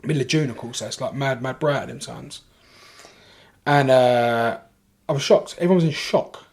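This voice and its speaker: A man with a London accent, a podcast guest telling a long story in a casual way, animated, swearing freely and restarting his sentences. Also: mid-range voice, normal speed, gravelly, husky.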